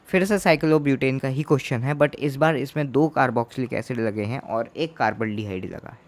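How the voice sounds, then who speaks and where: Hindi chemistry teacher drilling terms aloud. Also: male voice, medium pitch. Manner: drills terms by repeating them, asks questions and answers them himself. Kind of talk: Hindi classroom lecture.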